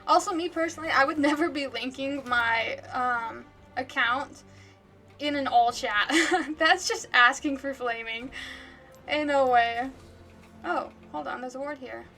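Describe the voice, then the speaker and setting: Woman streamer, casual play-by-play, giggly and talkative, bright tone. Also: high-pitched, unhurried, faint music behind. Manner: chatty and giggly, laughs often. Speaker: livestreamer. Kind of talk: casual gaming commentary.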